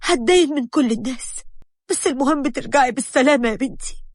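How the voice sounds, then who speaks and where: A woman's voice: sits high, quick pace, darkish tone, no echo, clean studio sound. A woman with an Egyptian accent voicing a frightened older mother who pleads through tears. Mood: pleading. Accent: Egyptian Arabic. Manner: crying and pleading.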